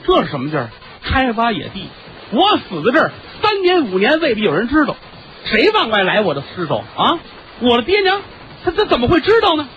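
A man's voice: extremely high pitch, wildly swooping pitch, a little fast, muffled recording, a little hiss or hum, voice pushed up, exaggerated voice. A man voicing a frightened young merchant who exclaims in agitation.

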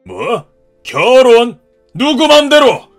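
A man voicing a gruff, hot-tempered ex-marine father in his fifties who scolds and shouts in a cartoon story. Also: high-pitched, animated, normal speed, faint music behind, heavily acted. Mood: furious. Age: 50s.

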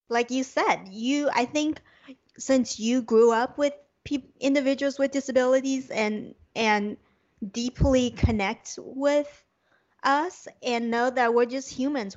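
A woman's voice: fairly high pitch, unhurried, dull audio. A woman conducting a conversational interview in an affirming, encouraging way.

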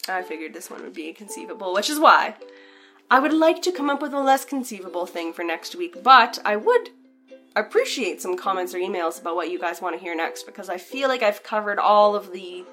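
A woman's voice: on the low side, sharp tone. A woman co-hosting a podcast, telling a story in casual chat with restarts. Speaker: podcast co-host.

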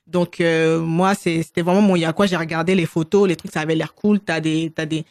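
A woman hosting a podcast in a relaxed, talkative way, full of fillers and restarts. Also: sits low, brisk, no echo, studio quality. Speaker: podcast host. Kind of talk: casual chat.

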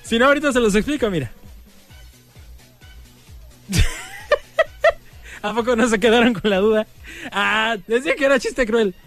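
A man's voice: very high-pitched, quick pace, a bit bright, soft background music. A man with a Mexican accent hosting a radio joke segment, playful and laughing at his own jokes. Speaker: radio comedy host.

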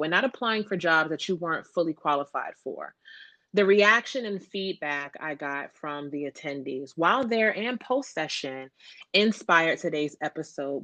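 A woman's voice: fairly low pitch, a bit bright, no room sound. A woman hosting a podcast interview, chatty and upbeat as she introduces her guest and asks questions. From Atlanta, USA. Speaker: podcast host.

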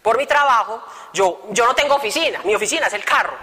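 Lively woman, bright voice. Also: a little high, fast talker. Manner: animated, joking, colloquial, playful asides. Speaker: speaker giving testimony to youth. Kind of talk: lively testimony talk. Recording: reverberant hall.

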